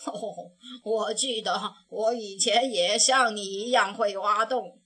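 Old grandfather bear, voiced by a woman, patient, wise, lowered pitch, unhurried, children's storybook. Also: breathy edge, full character voice. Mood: gentle. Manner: gentle, unhurried, sighing "oh".

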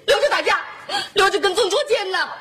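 A tearful, indignant wife. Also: female voice, very high-pitched, animated. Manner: rapid, sobbing complaints. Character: aggrieved wife, tearful and indignant about her husband. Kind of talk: sitcom acting. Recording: background noise on TV audio.

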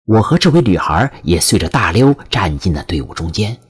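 Male audiobook narrator, expressive first-person suspense reading, husky. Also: deep voice, brisk.

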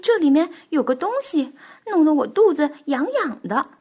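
A woman voicing a big, timid female rabbit in a children's storybook, with a raised, excitable voice. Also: measured pace. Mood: flustered. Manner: high, excitable, easily flustered.

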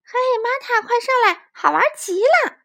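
A woman voicing a lively little boy bear cub who shouts excitedly, in a storybook reading. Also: extremely high pitch, normal speed, voice pushed up. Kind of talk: storybook voice acting.

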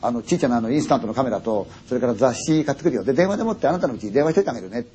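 A man voicing a brash young woman who scolds her friend in a raised, higher voice. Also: expressive, racing, dark tone, highs cut off, a little hiss or hum, natural voice. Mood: cheerful.

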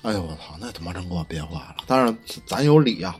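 Husky-voiced guy ranting fast on a podcast, swears a lot, trips over his words, faint music behind. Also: low voice, lively intonation, a little mellow. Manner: profane, heated storytelling; stammering restarts. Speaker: podcast co-host. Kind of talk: casual chat.

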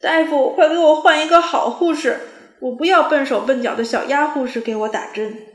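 A woman voicing a timid chubby boy animal who is terrified of injections and shouts in a whiny, panicky way. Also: mid-range voice, moderate pace, echoey room, natural voice. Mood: panicked.

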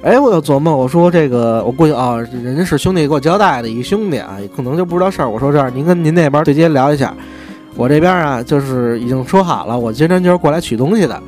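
A man's voice: a little high, expressive, fast talker, darkish tone, soft background music. A man with a Beijing accent telling a long personal story in casual monologue, acting out the dialogue in a chatty, wry way. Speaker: podcast host.

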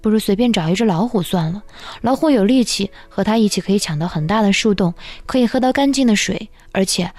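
A woman's voice: mid-range voice, lively intonation, quick pace, darkish tone, natural voice. Woman voicing a heartbroken guarded bear. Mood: wistful. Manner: bitter, wary.

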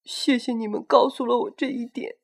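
Woman voicing a storybook tyrannosaurus: fierce, protective, loud and heartfelt, pitched fairly high. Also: fairly even intonation, a little fast, creaky. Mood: moved. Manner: loud, heartfelt dialogue reading. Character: fierce but tender male tyrannosaurus. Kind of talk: reading a picture book aloud.

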